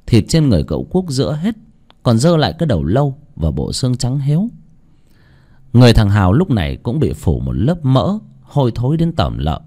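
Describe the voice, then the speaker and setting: A man's voice: medium pitch, a little mellow. A man narrating a folk horror story in a dramatic storytelling style. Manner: dramatic, swooping delivery.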